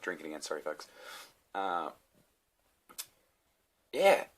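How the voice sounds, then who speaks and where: A young man with an Australian accent and a deep, low-pitched voice rants to his camera. His delivery is casual and rambling, peppered with swearing and sardonic asides. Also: big pitch swings, slow pace. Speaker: comedian vlogger. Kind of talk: casual ranting monologue to camera.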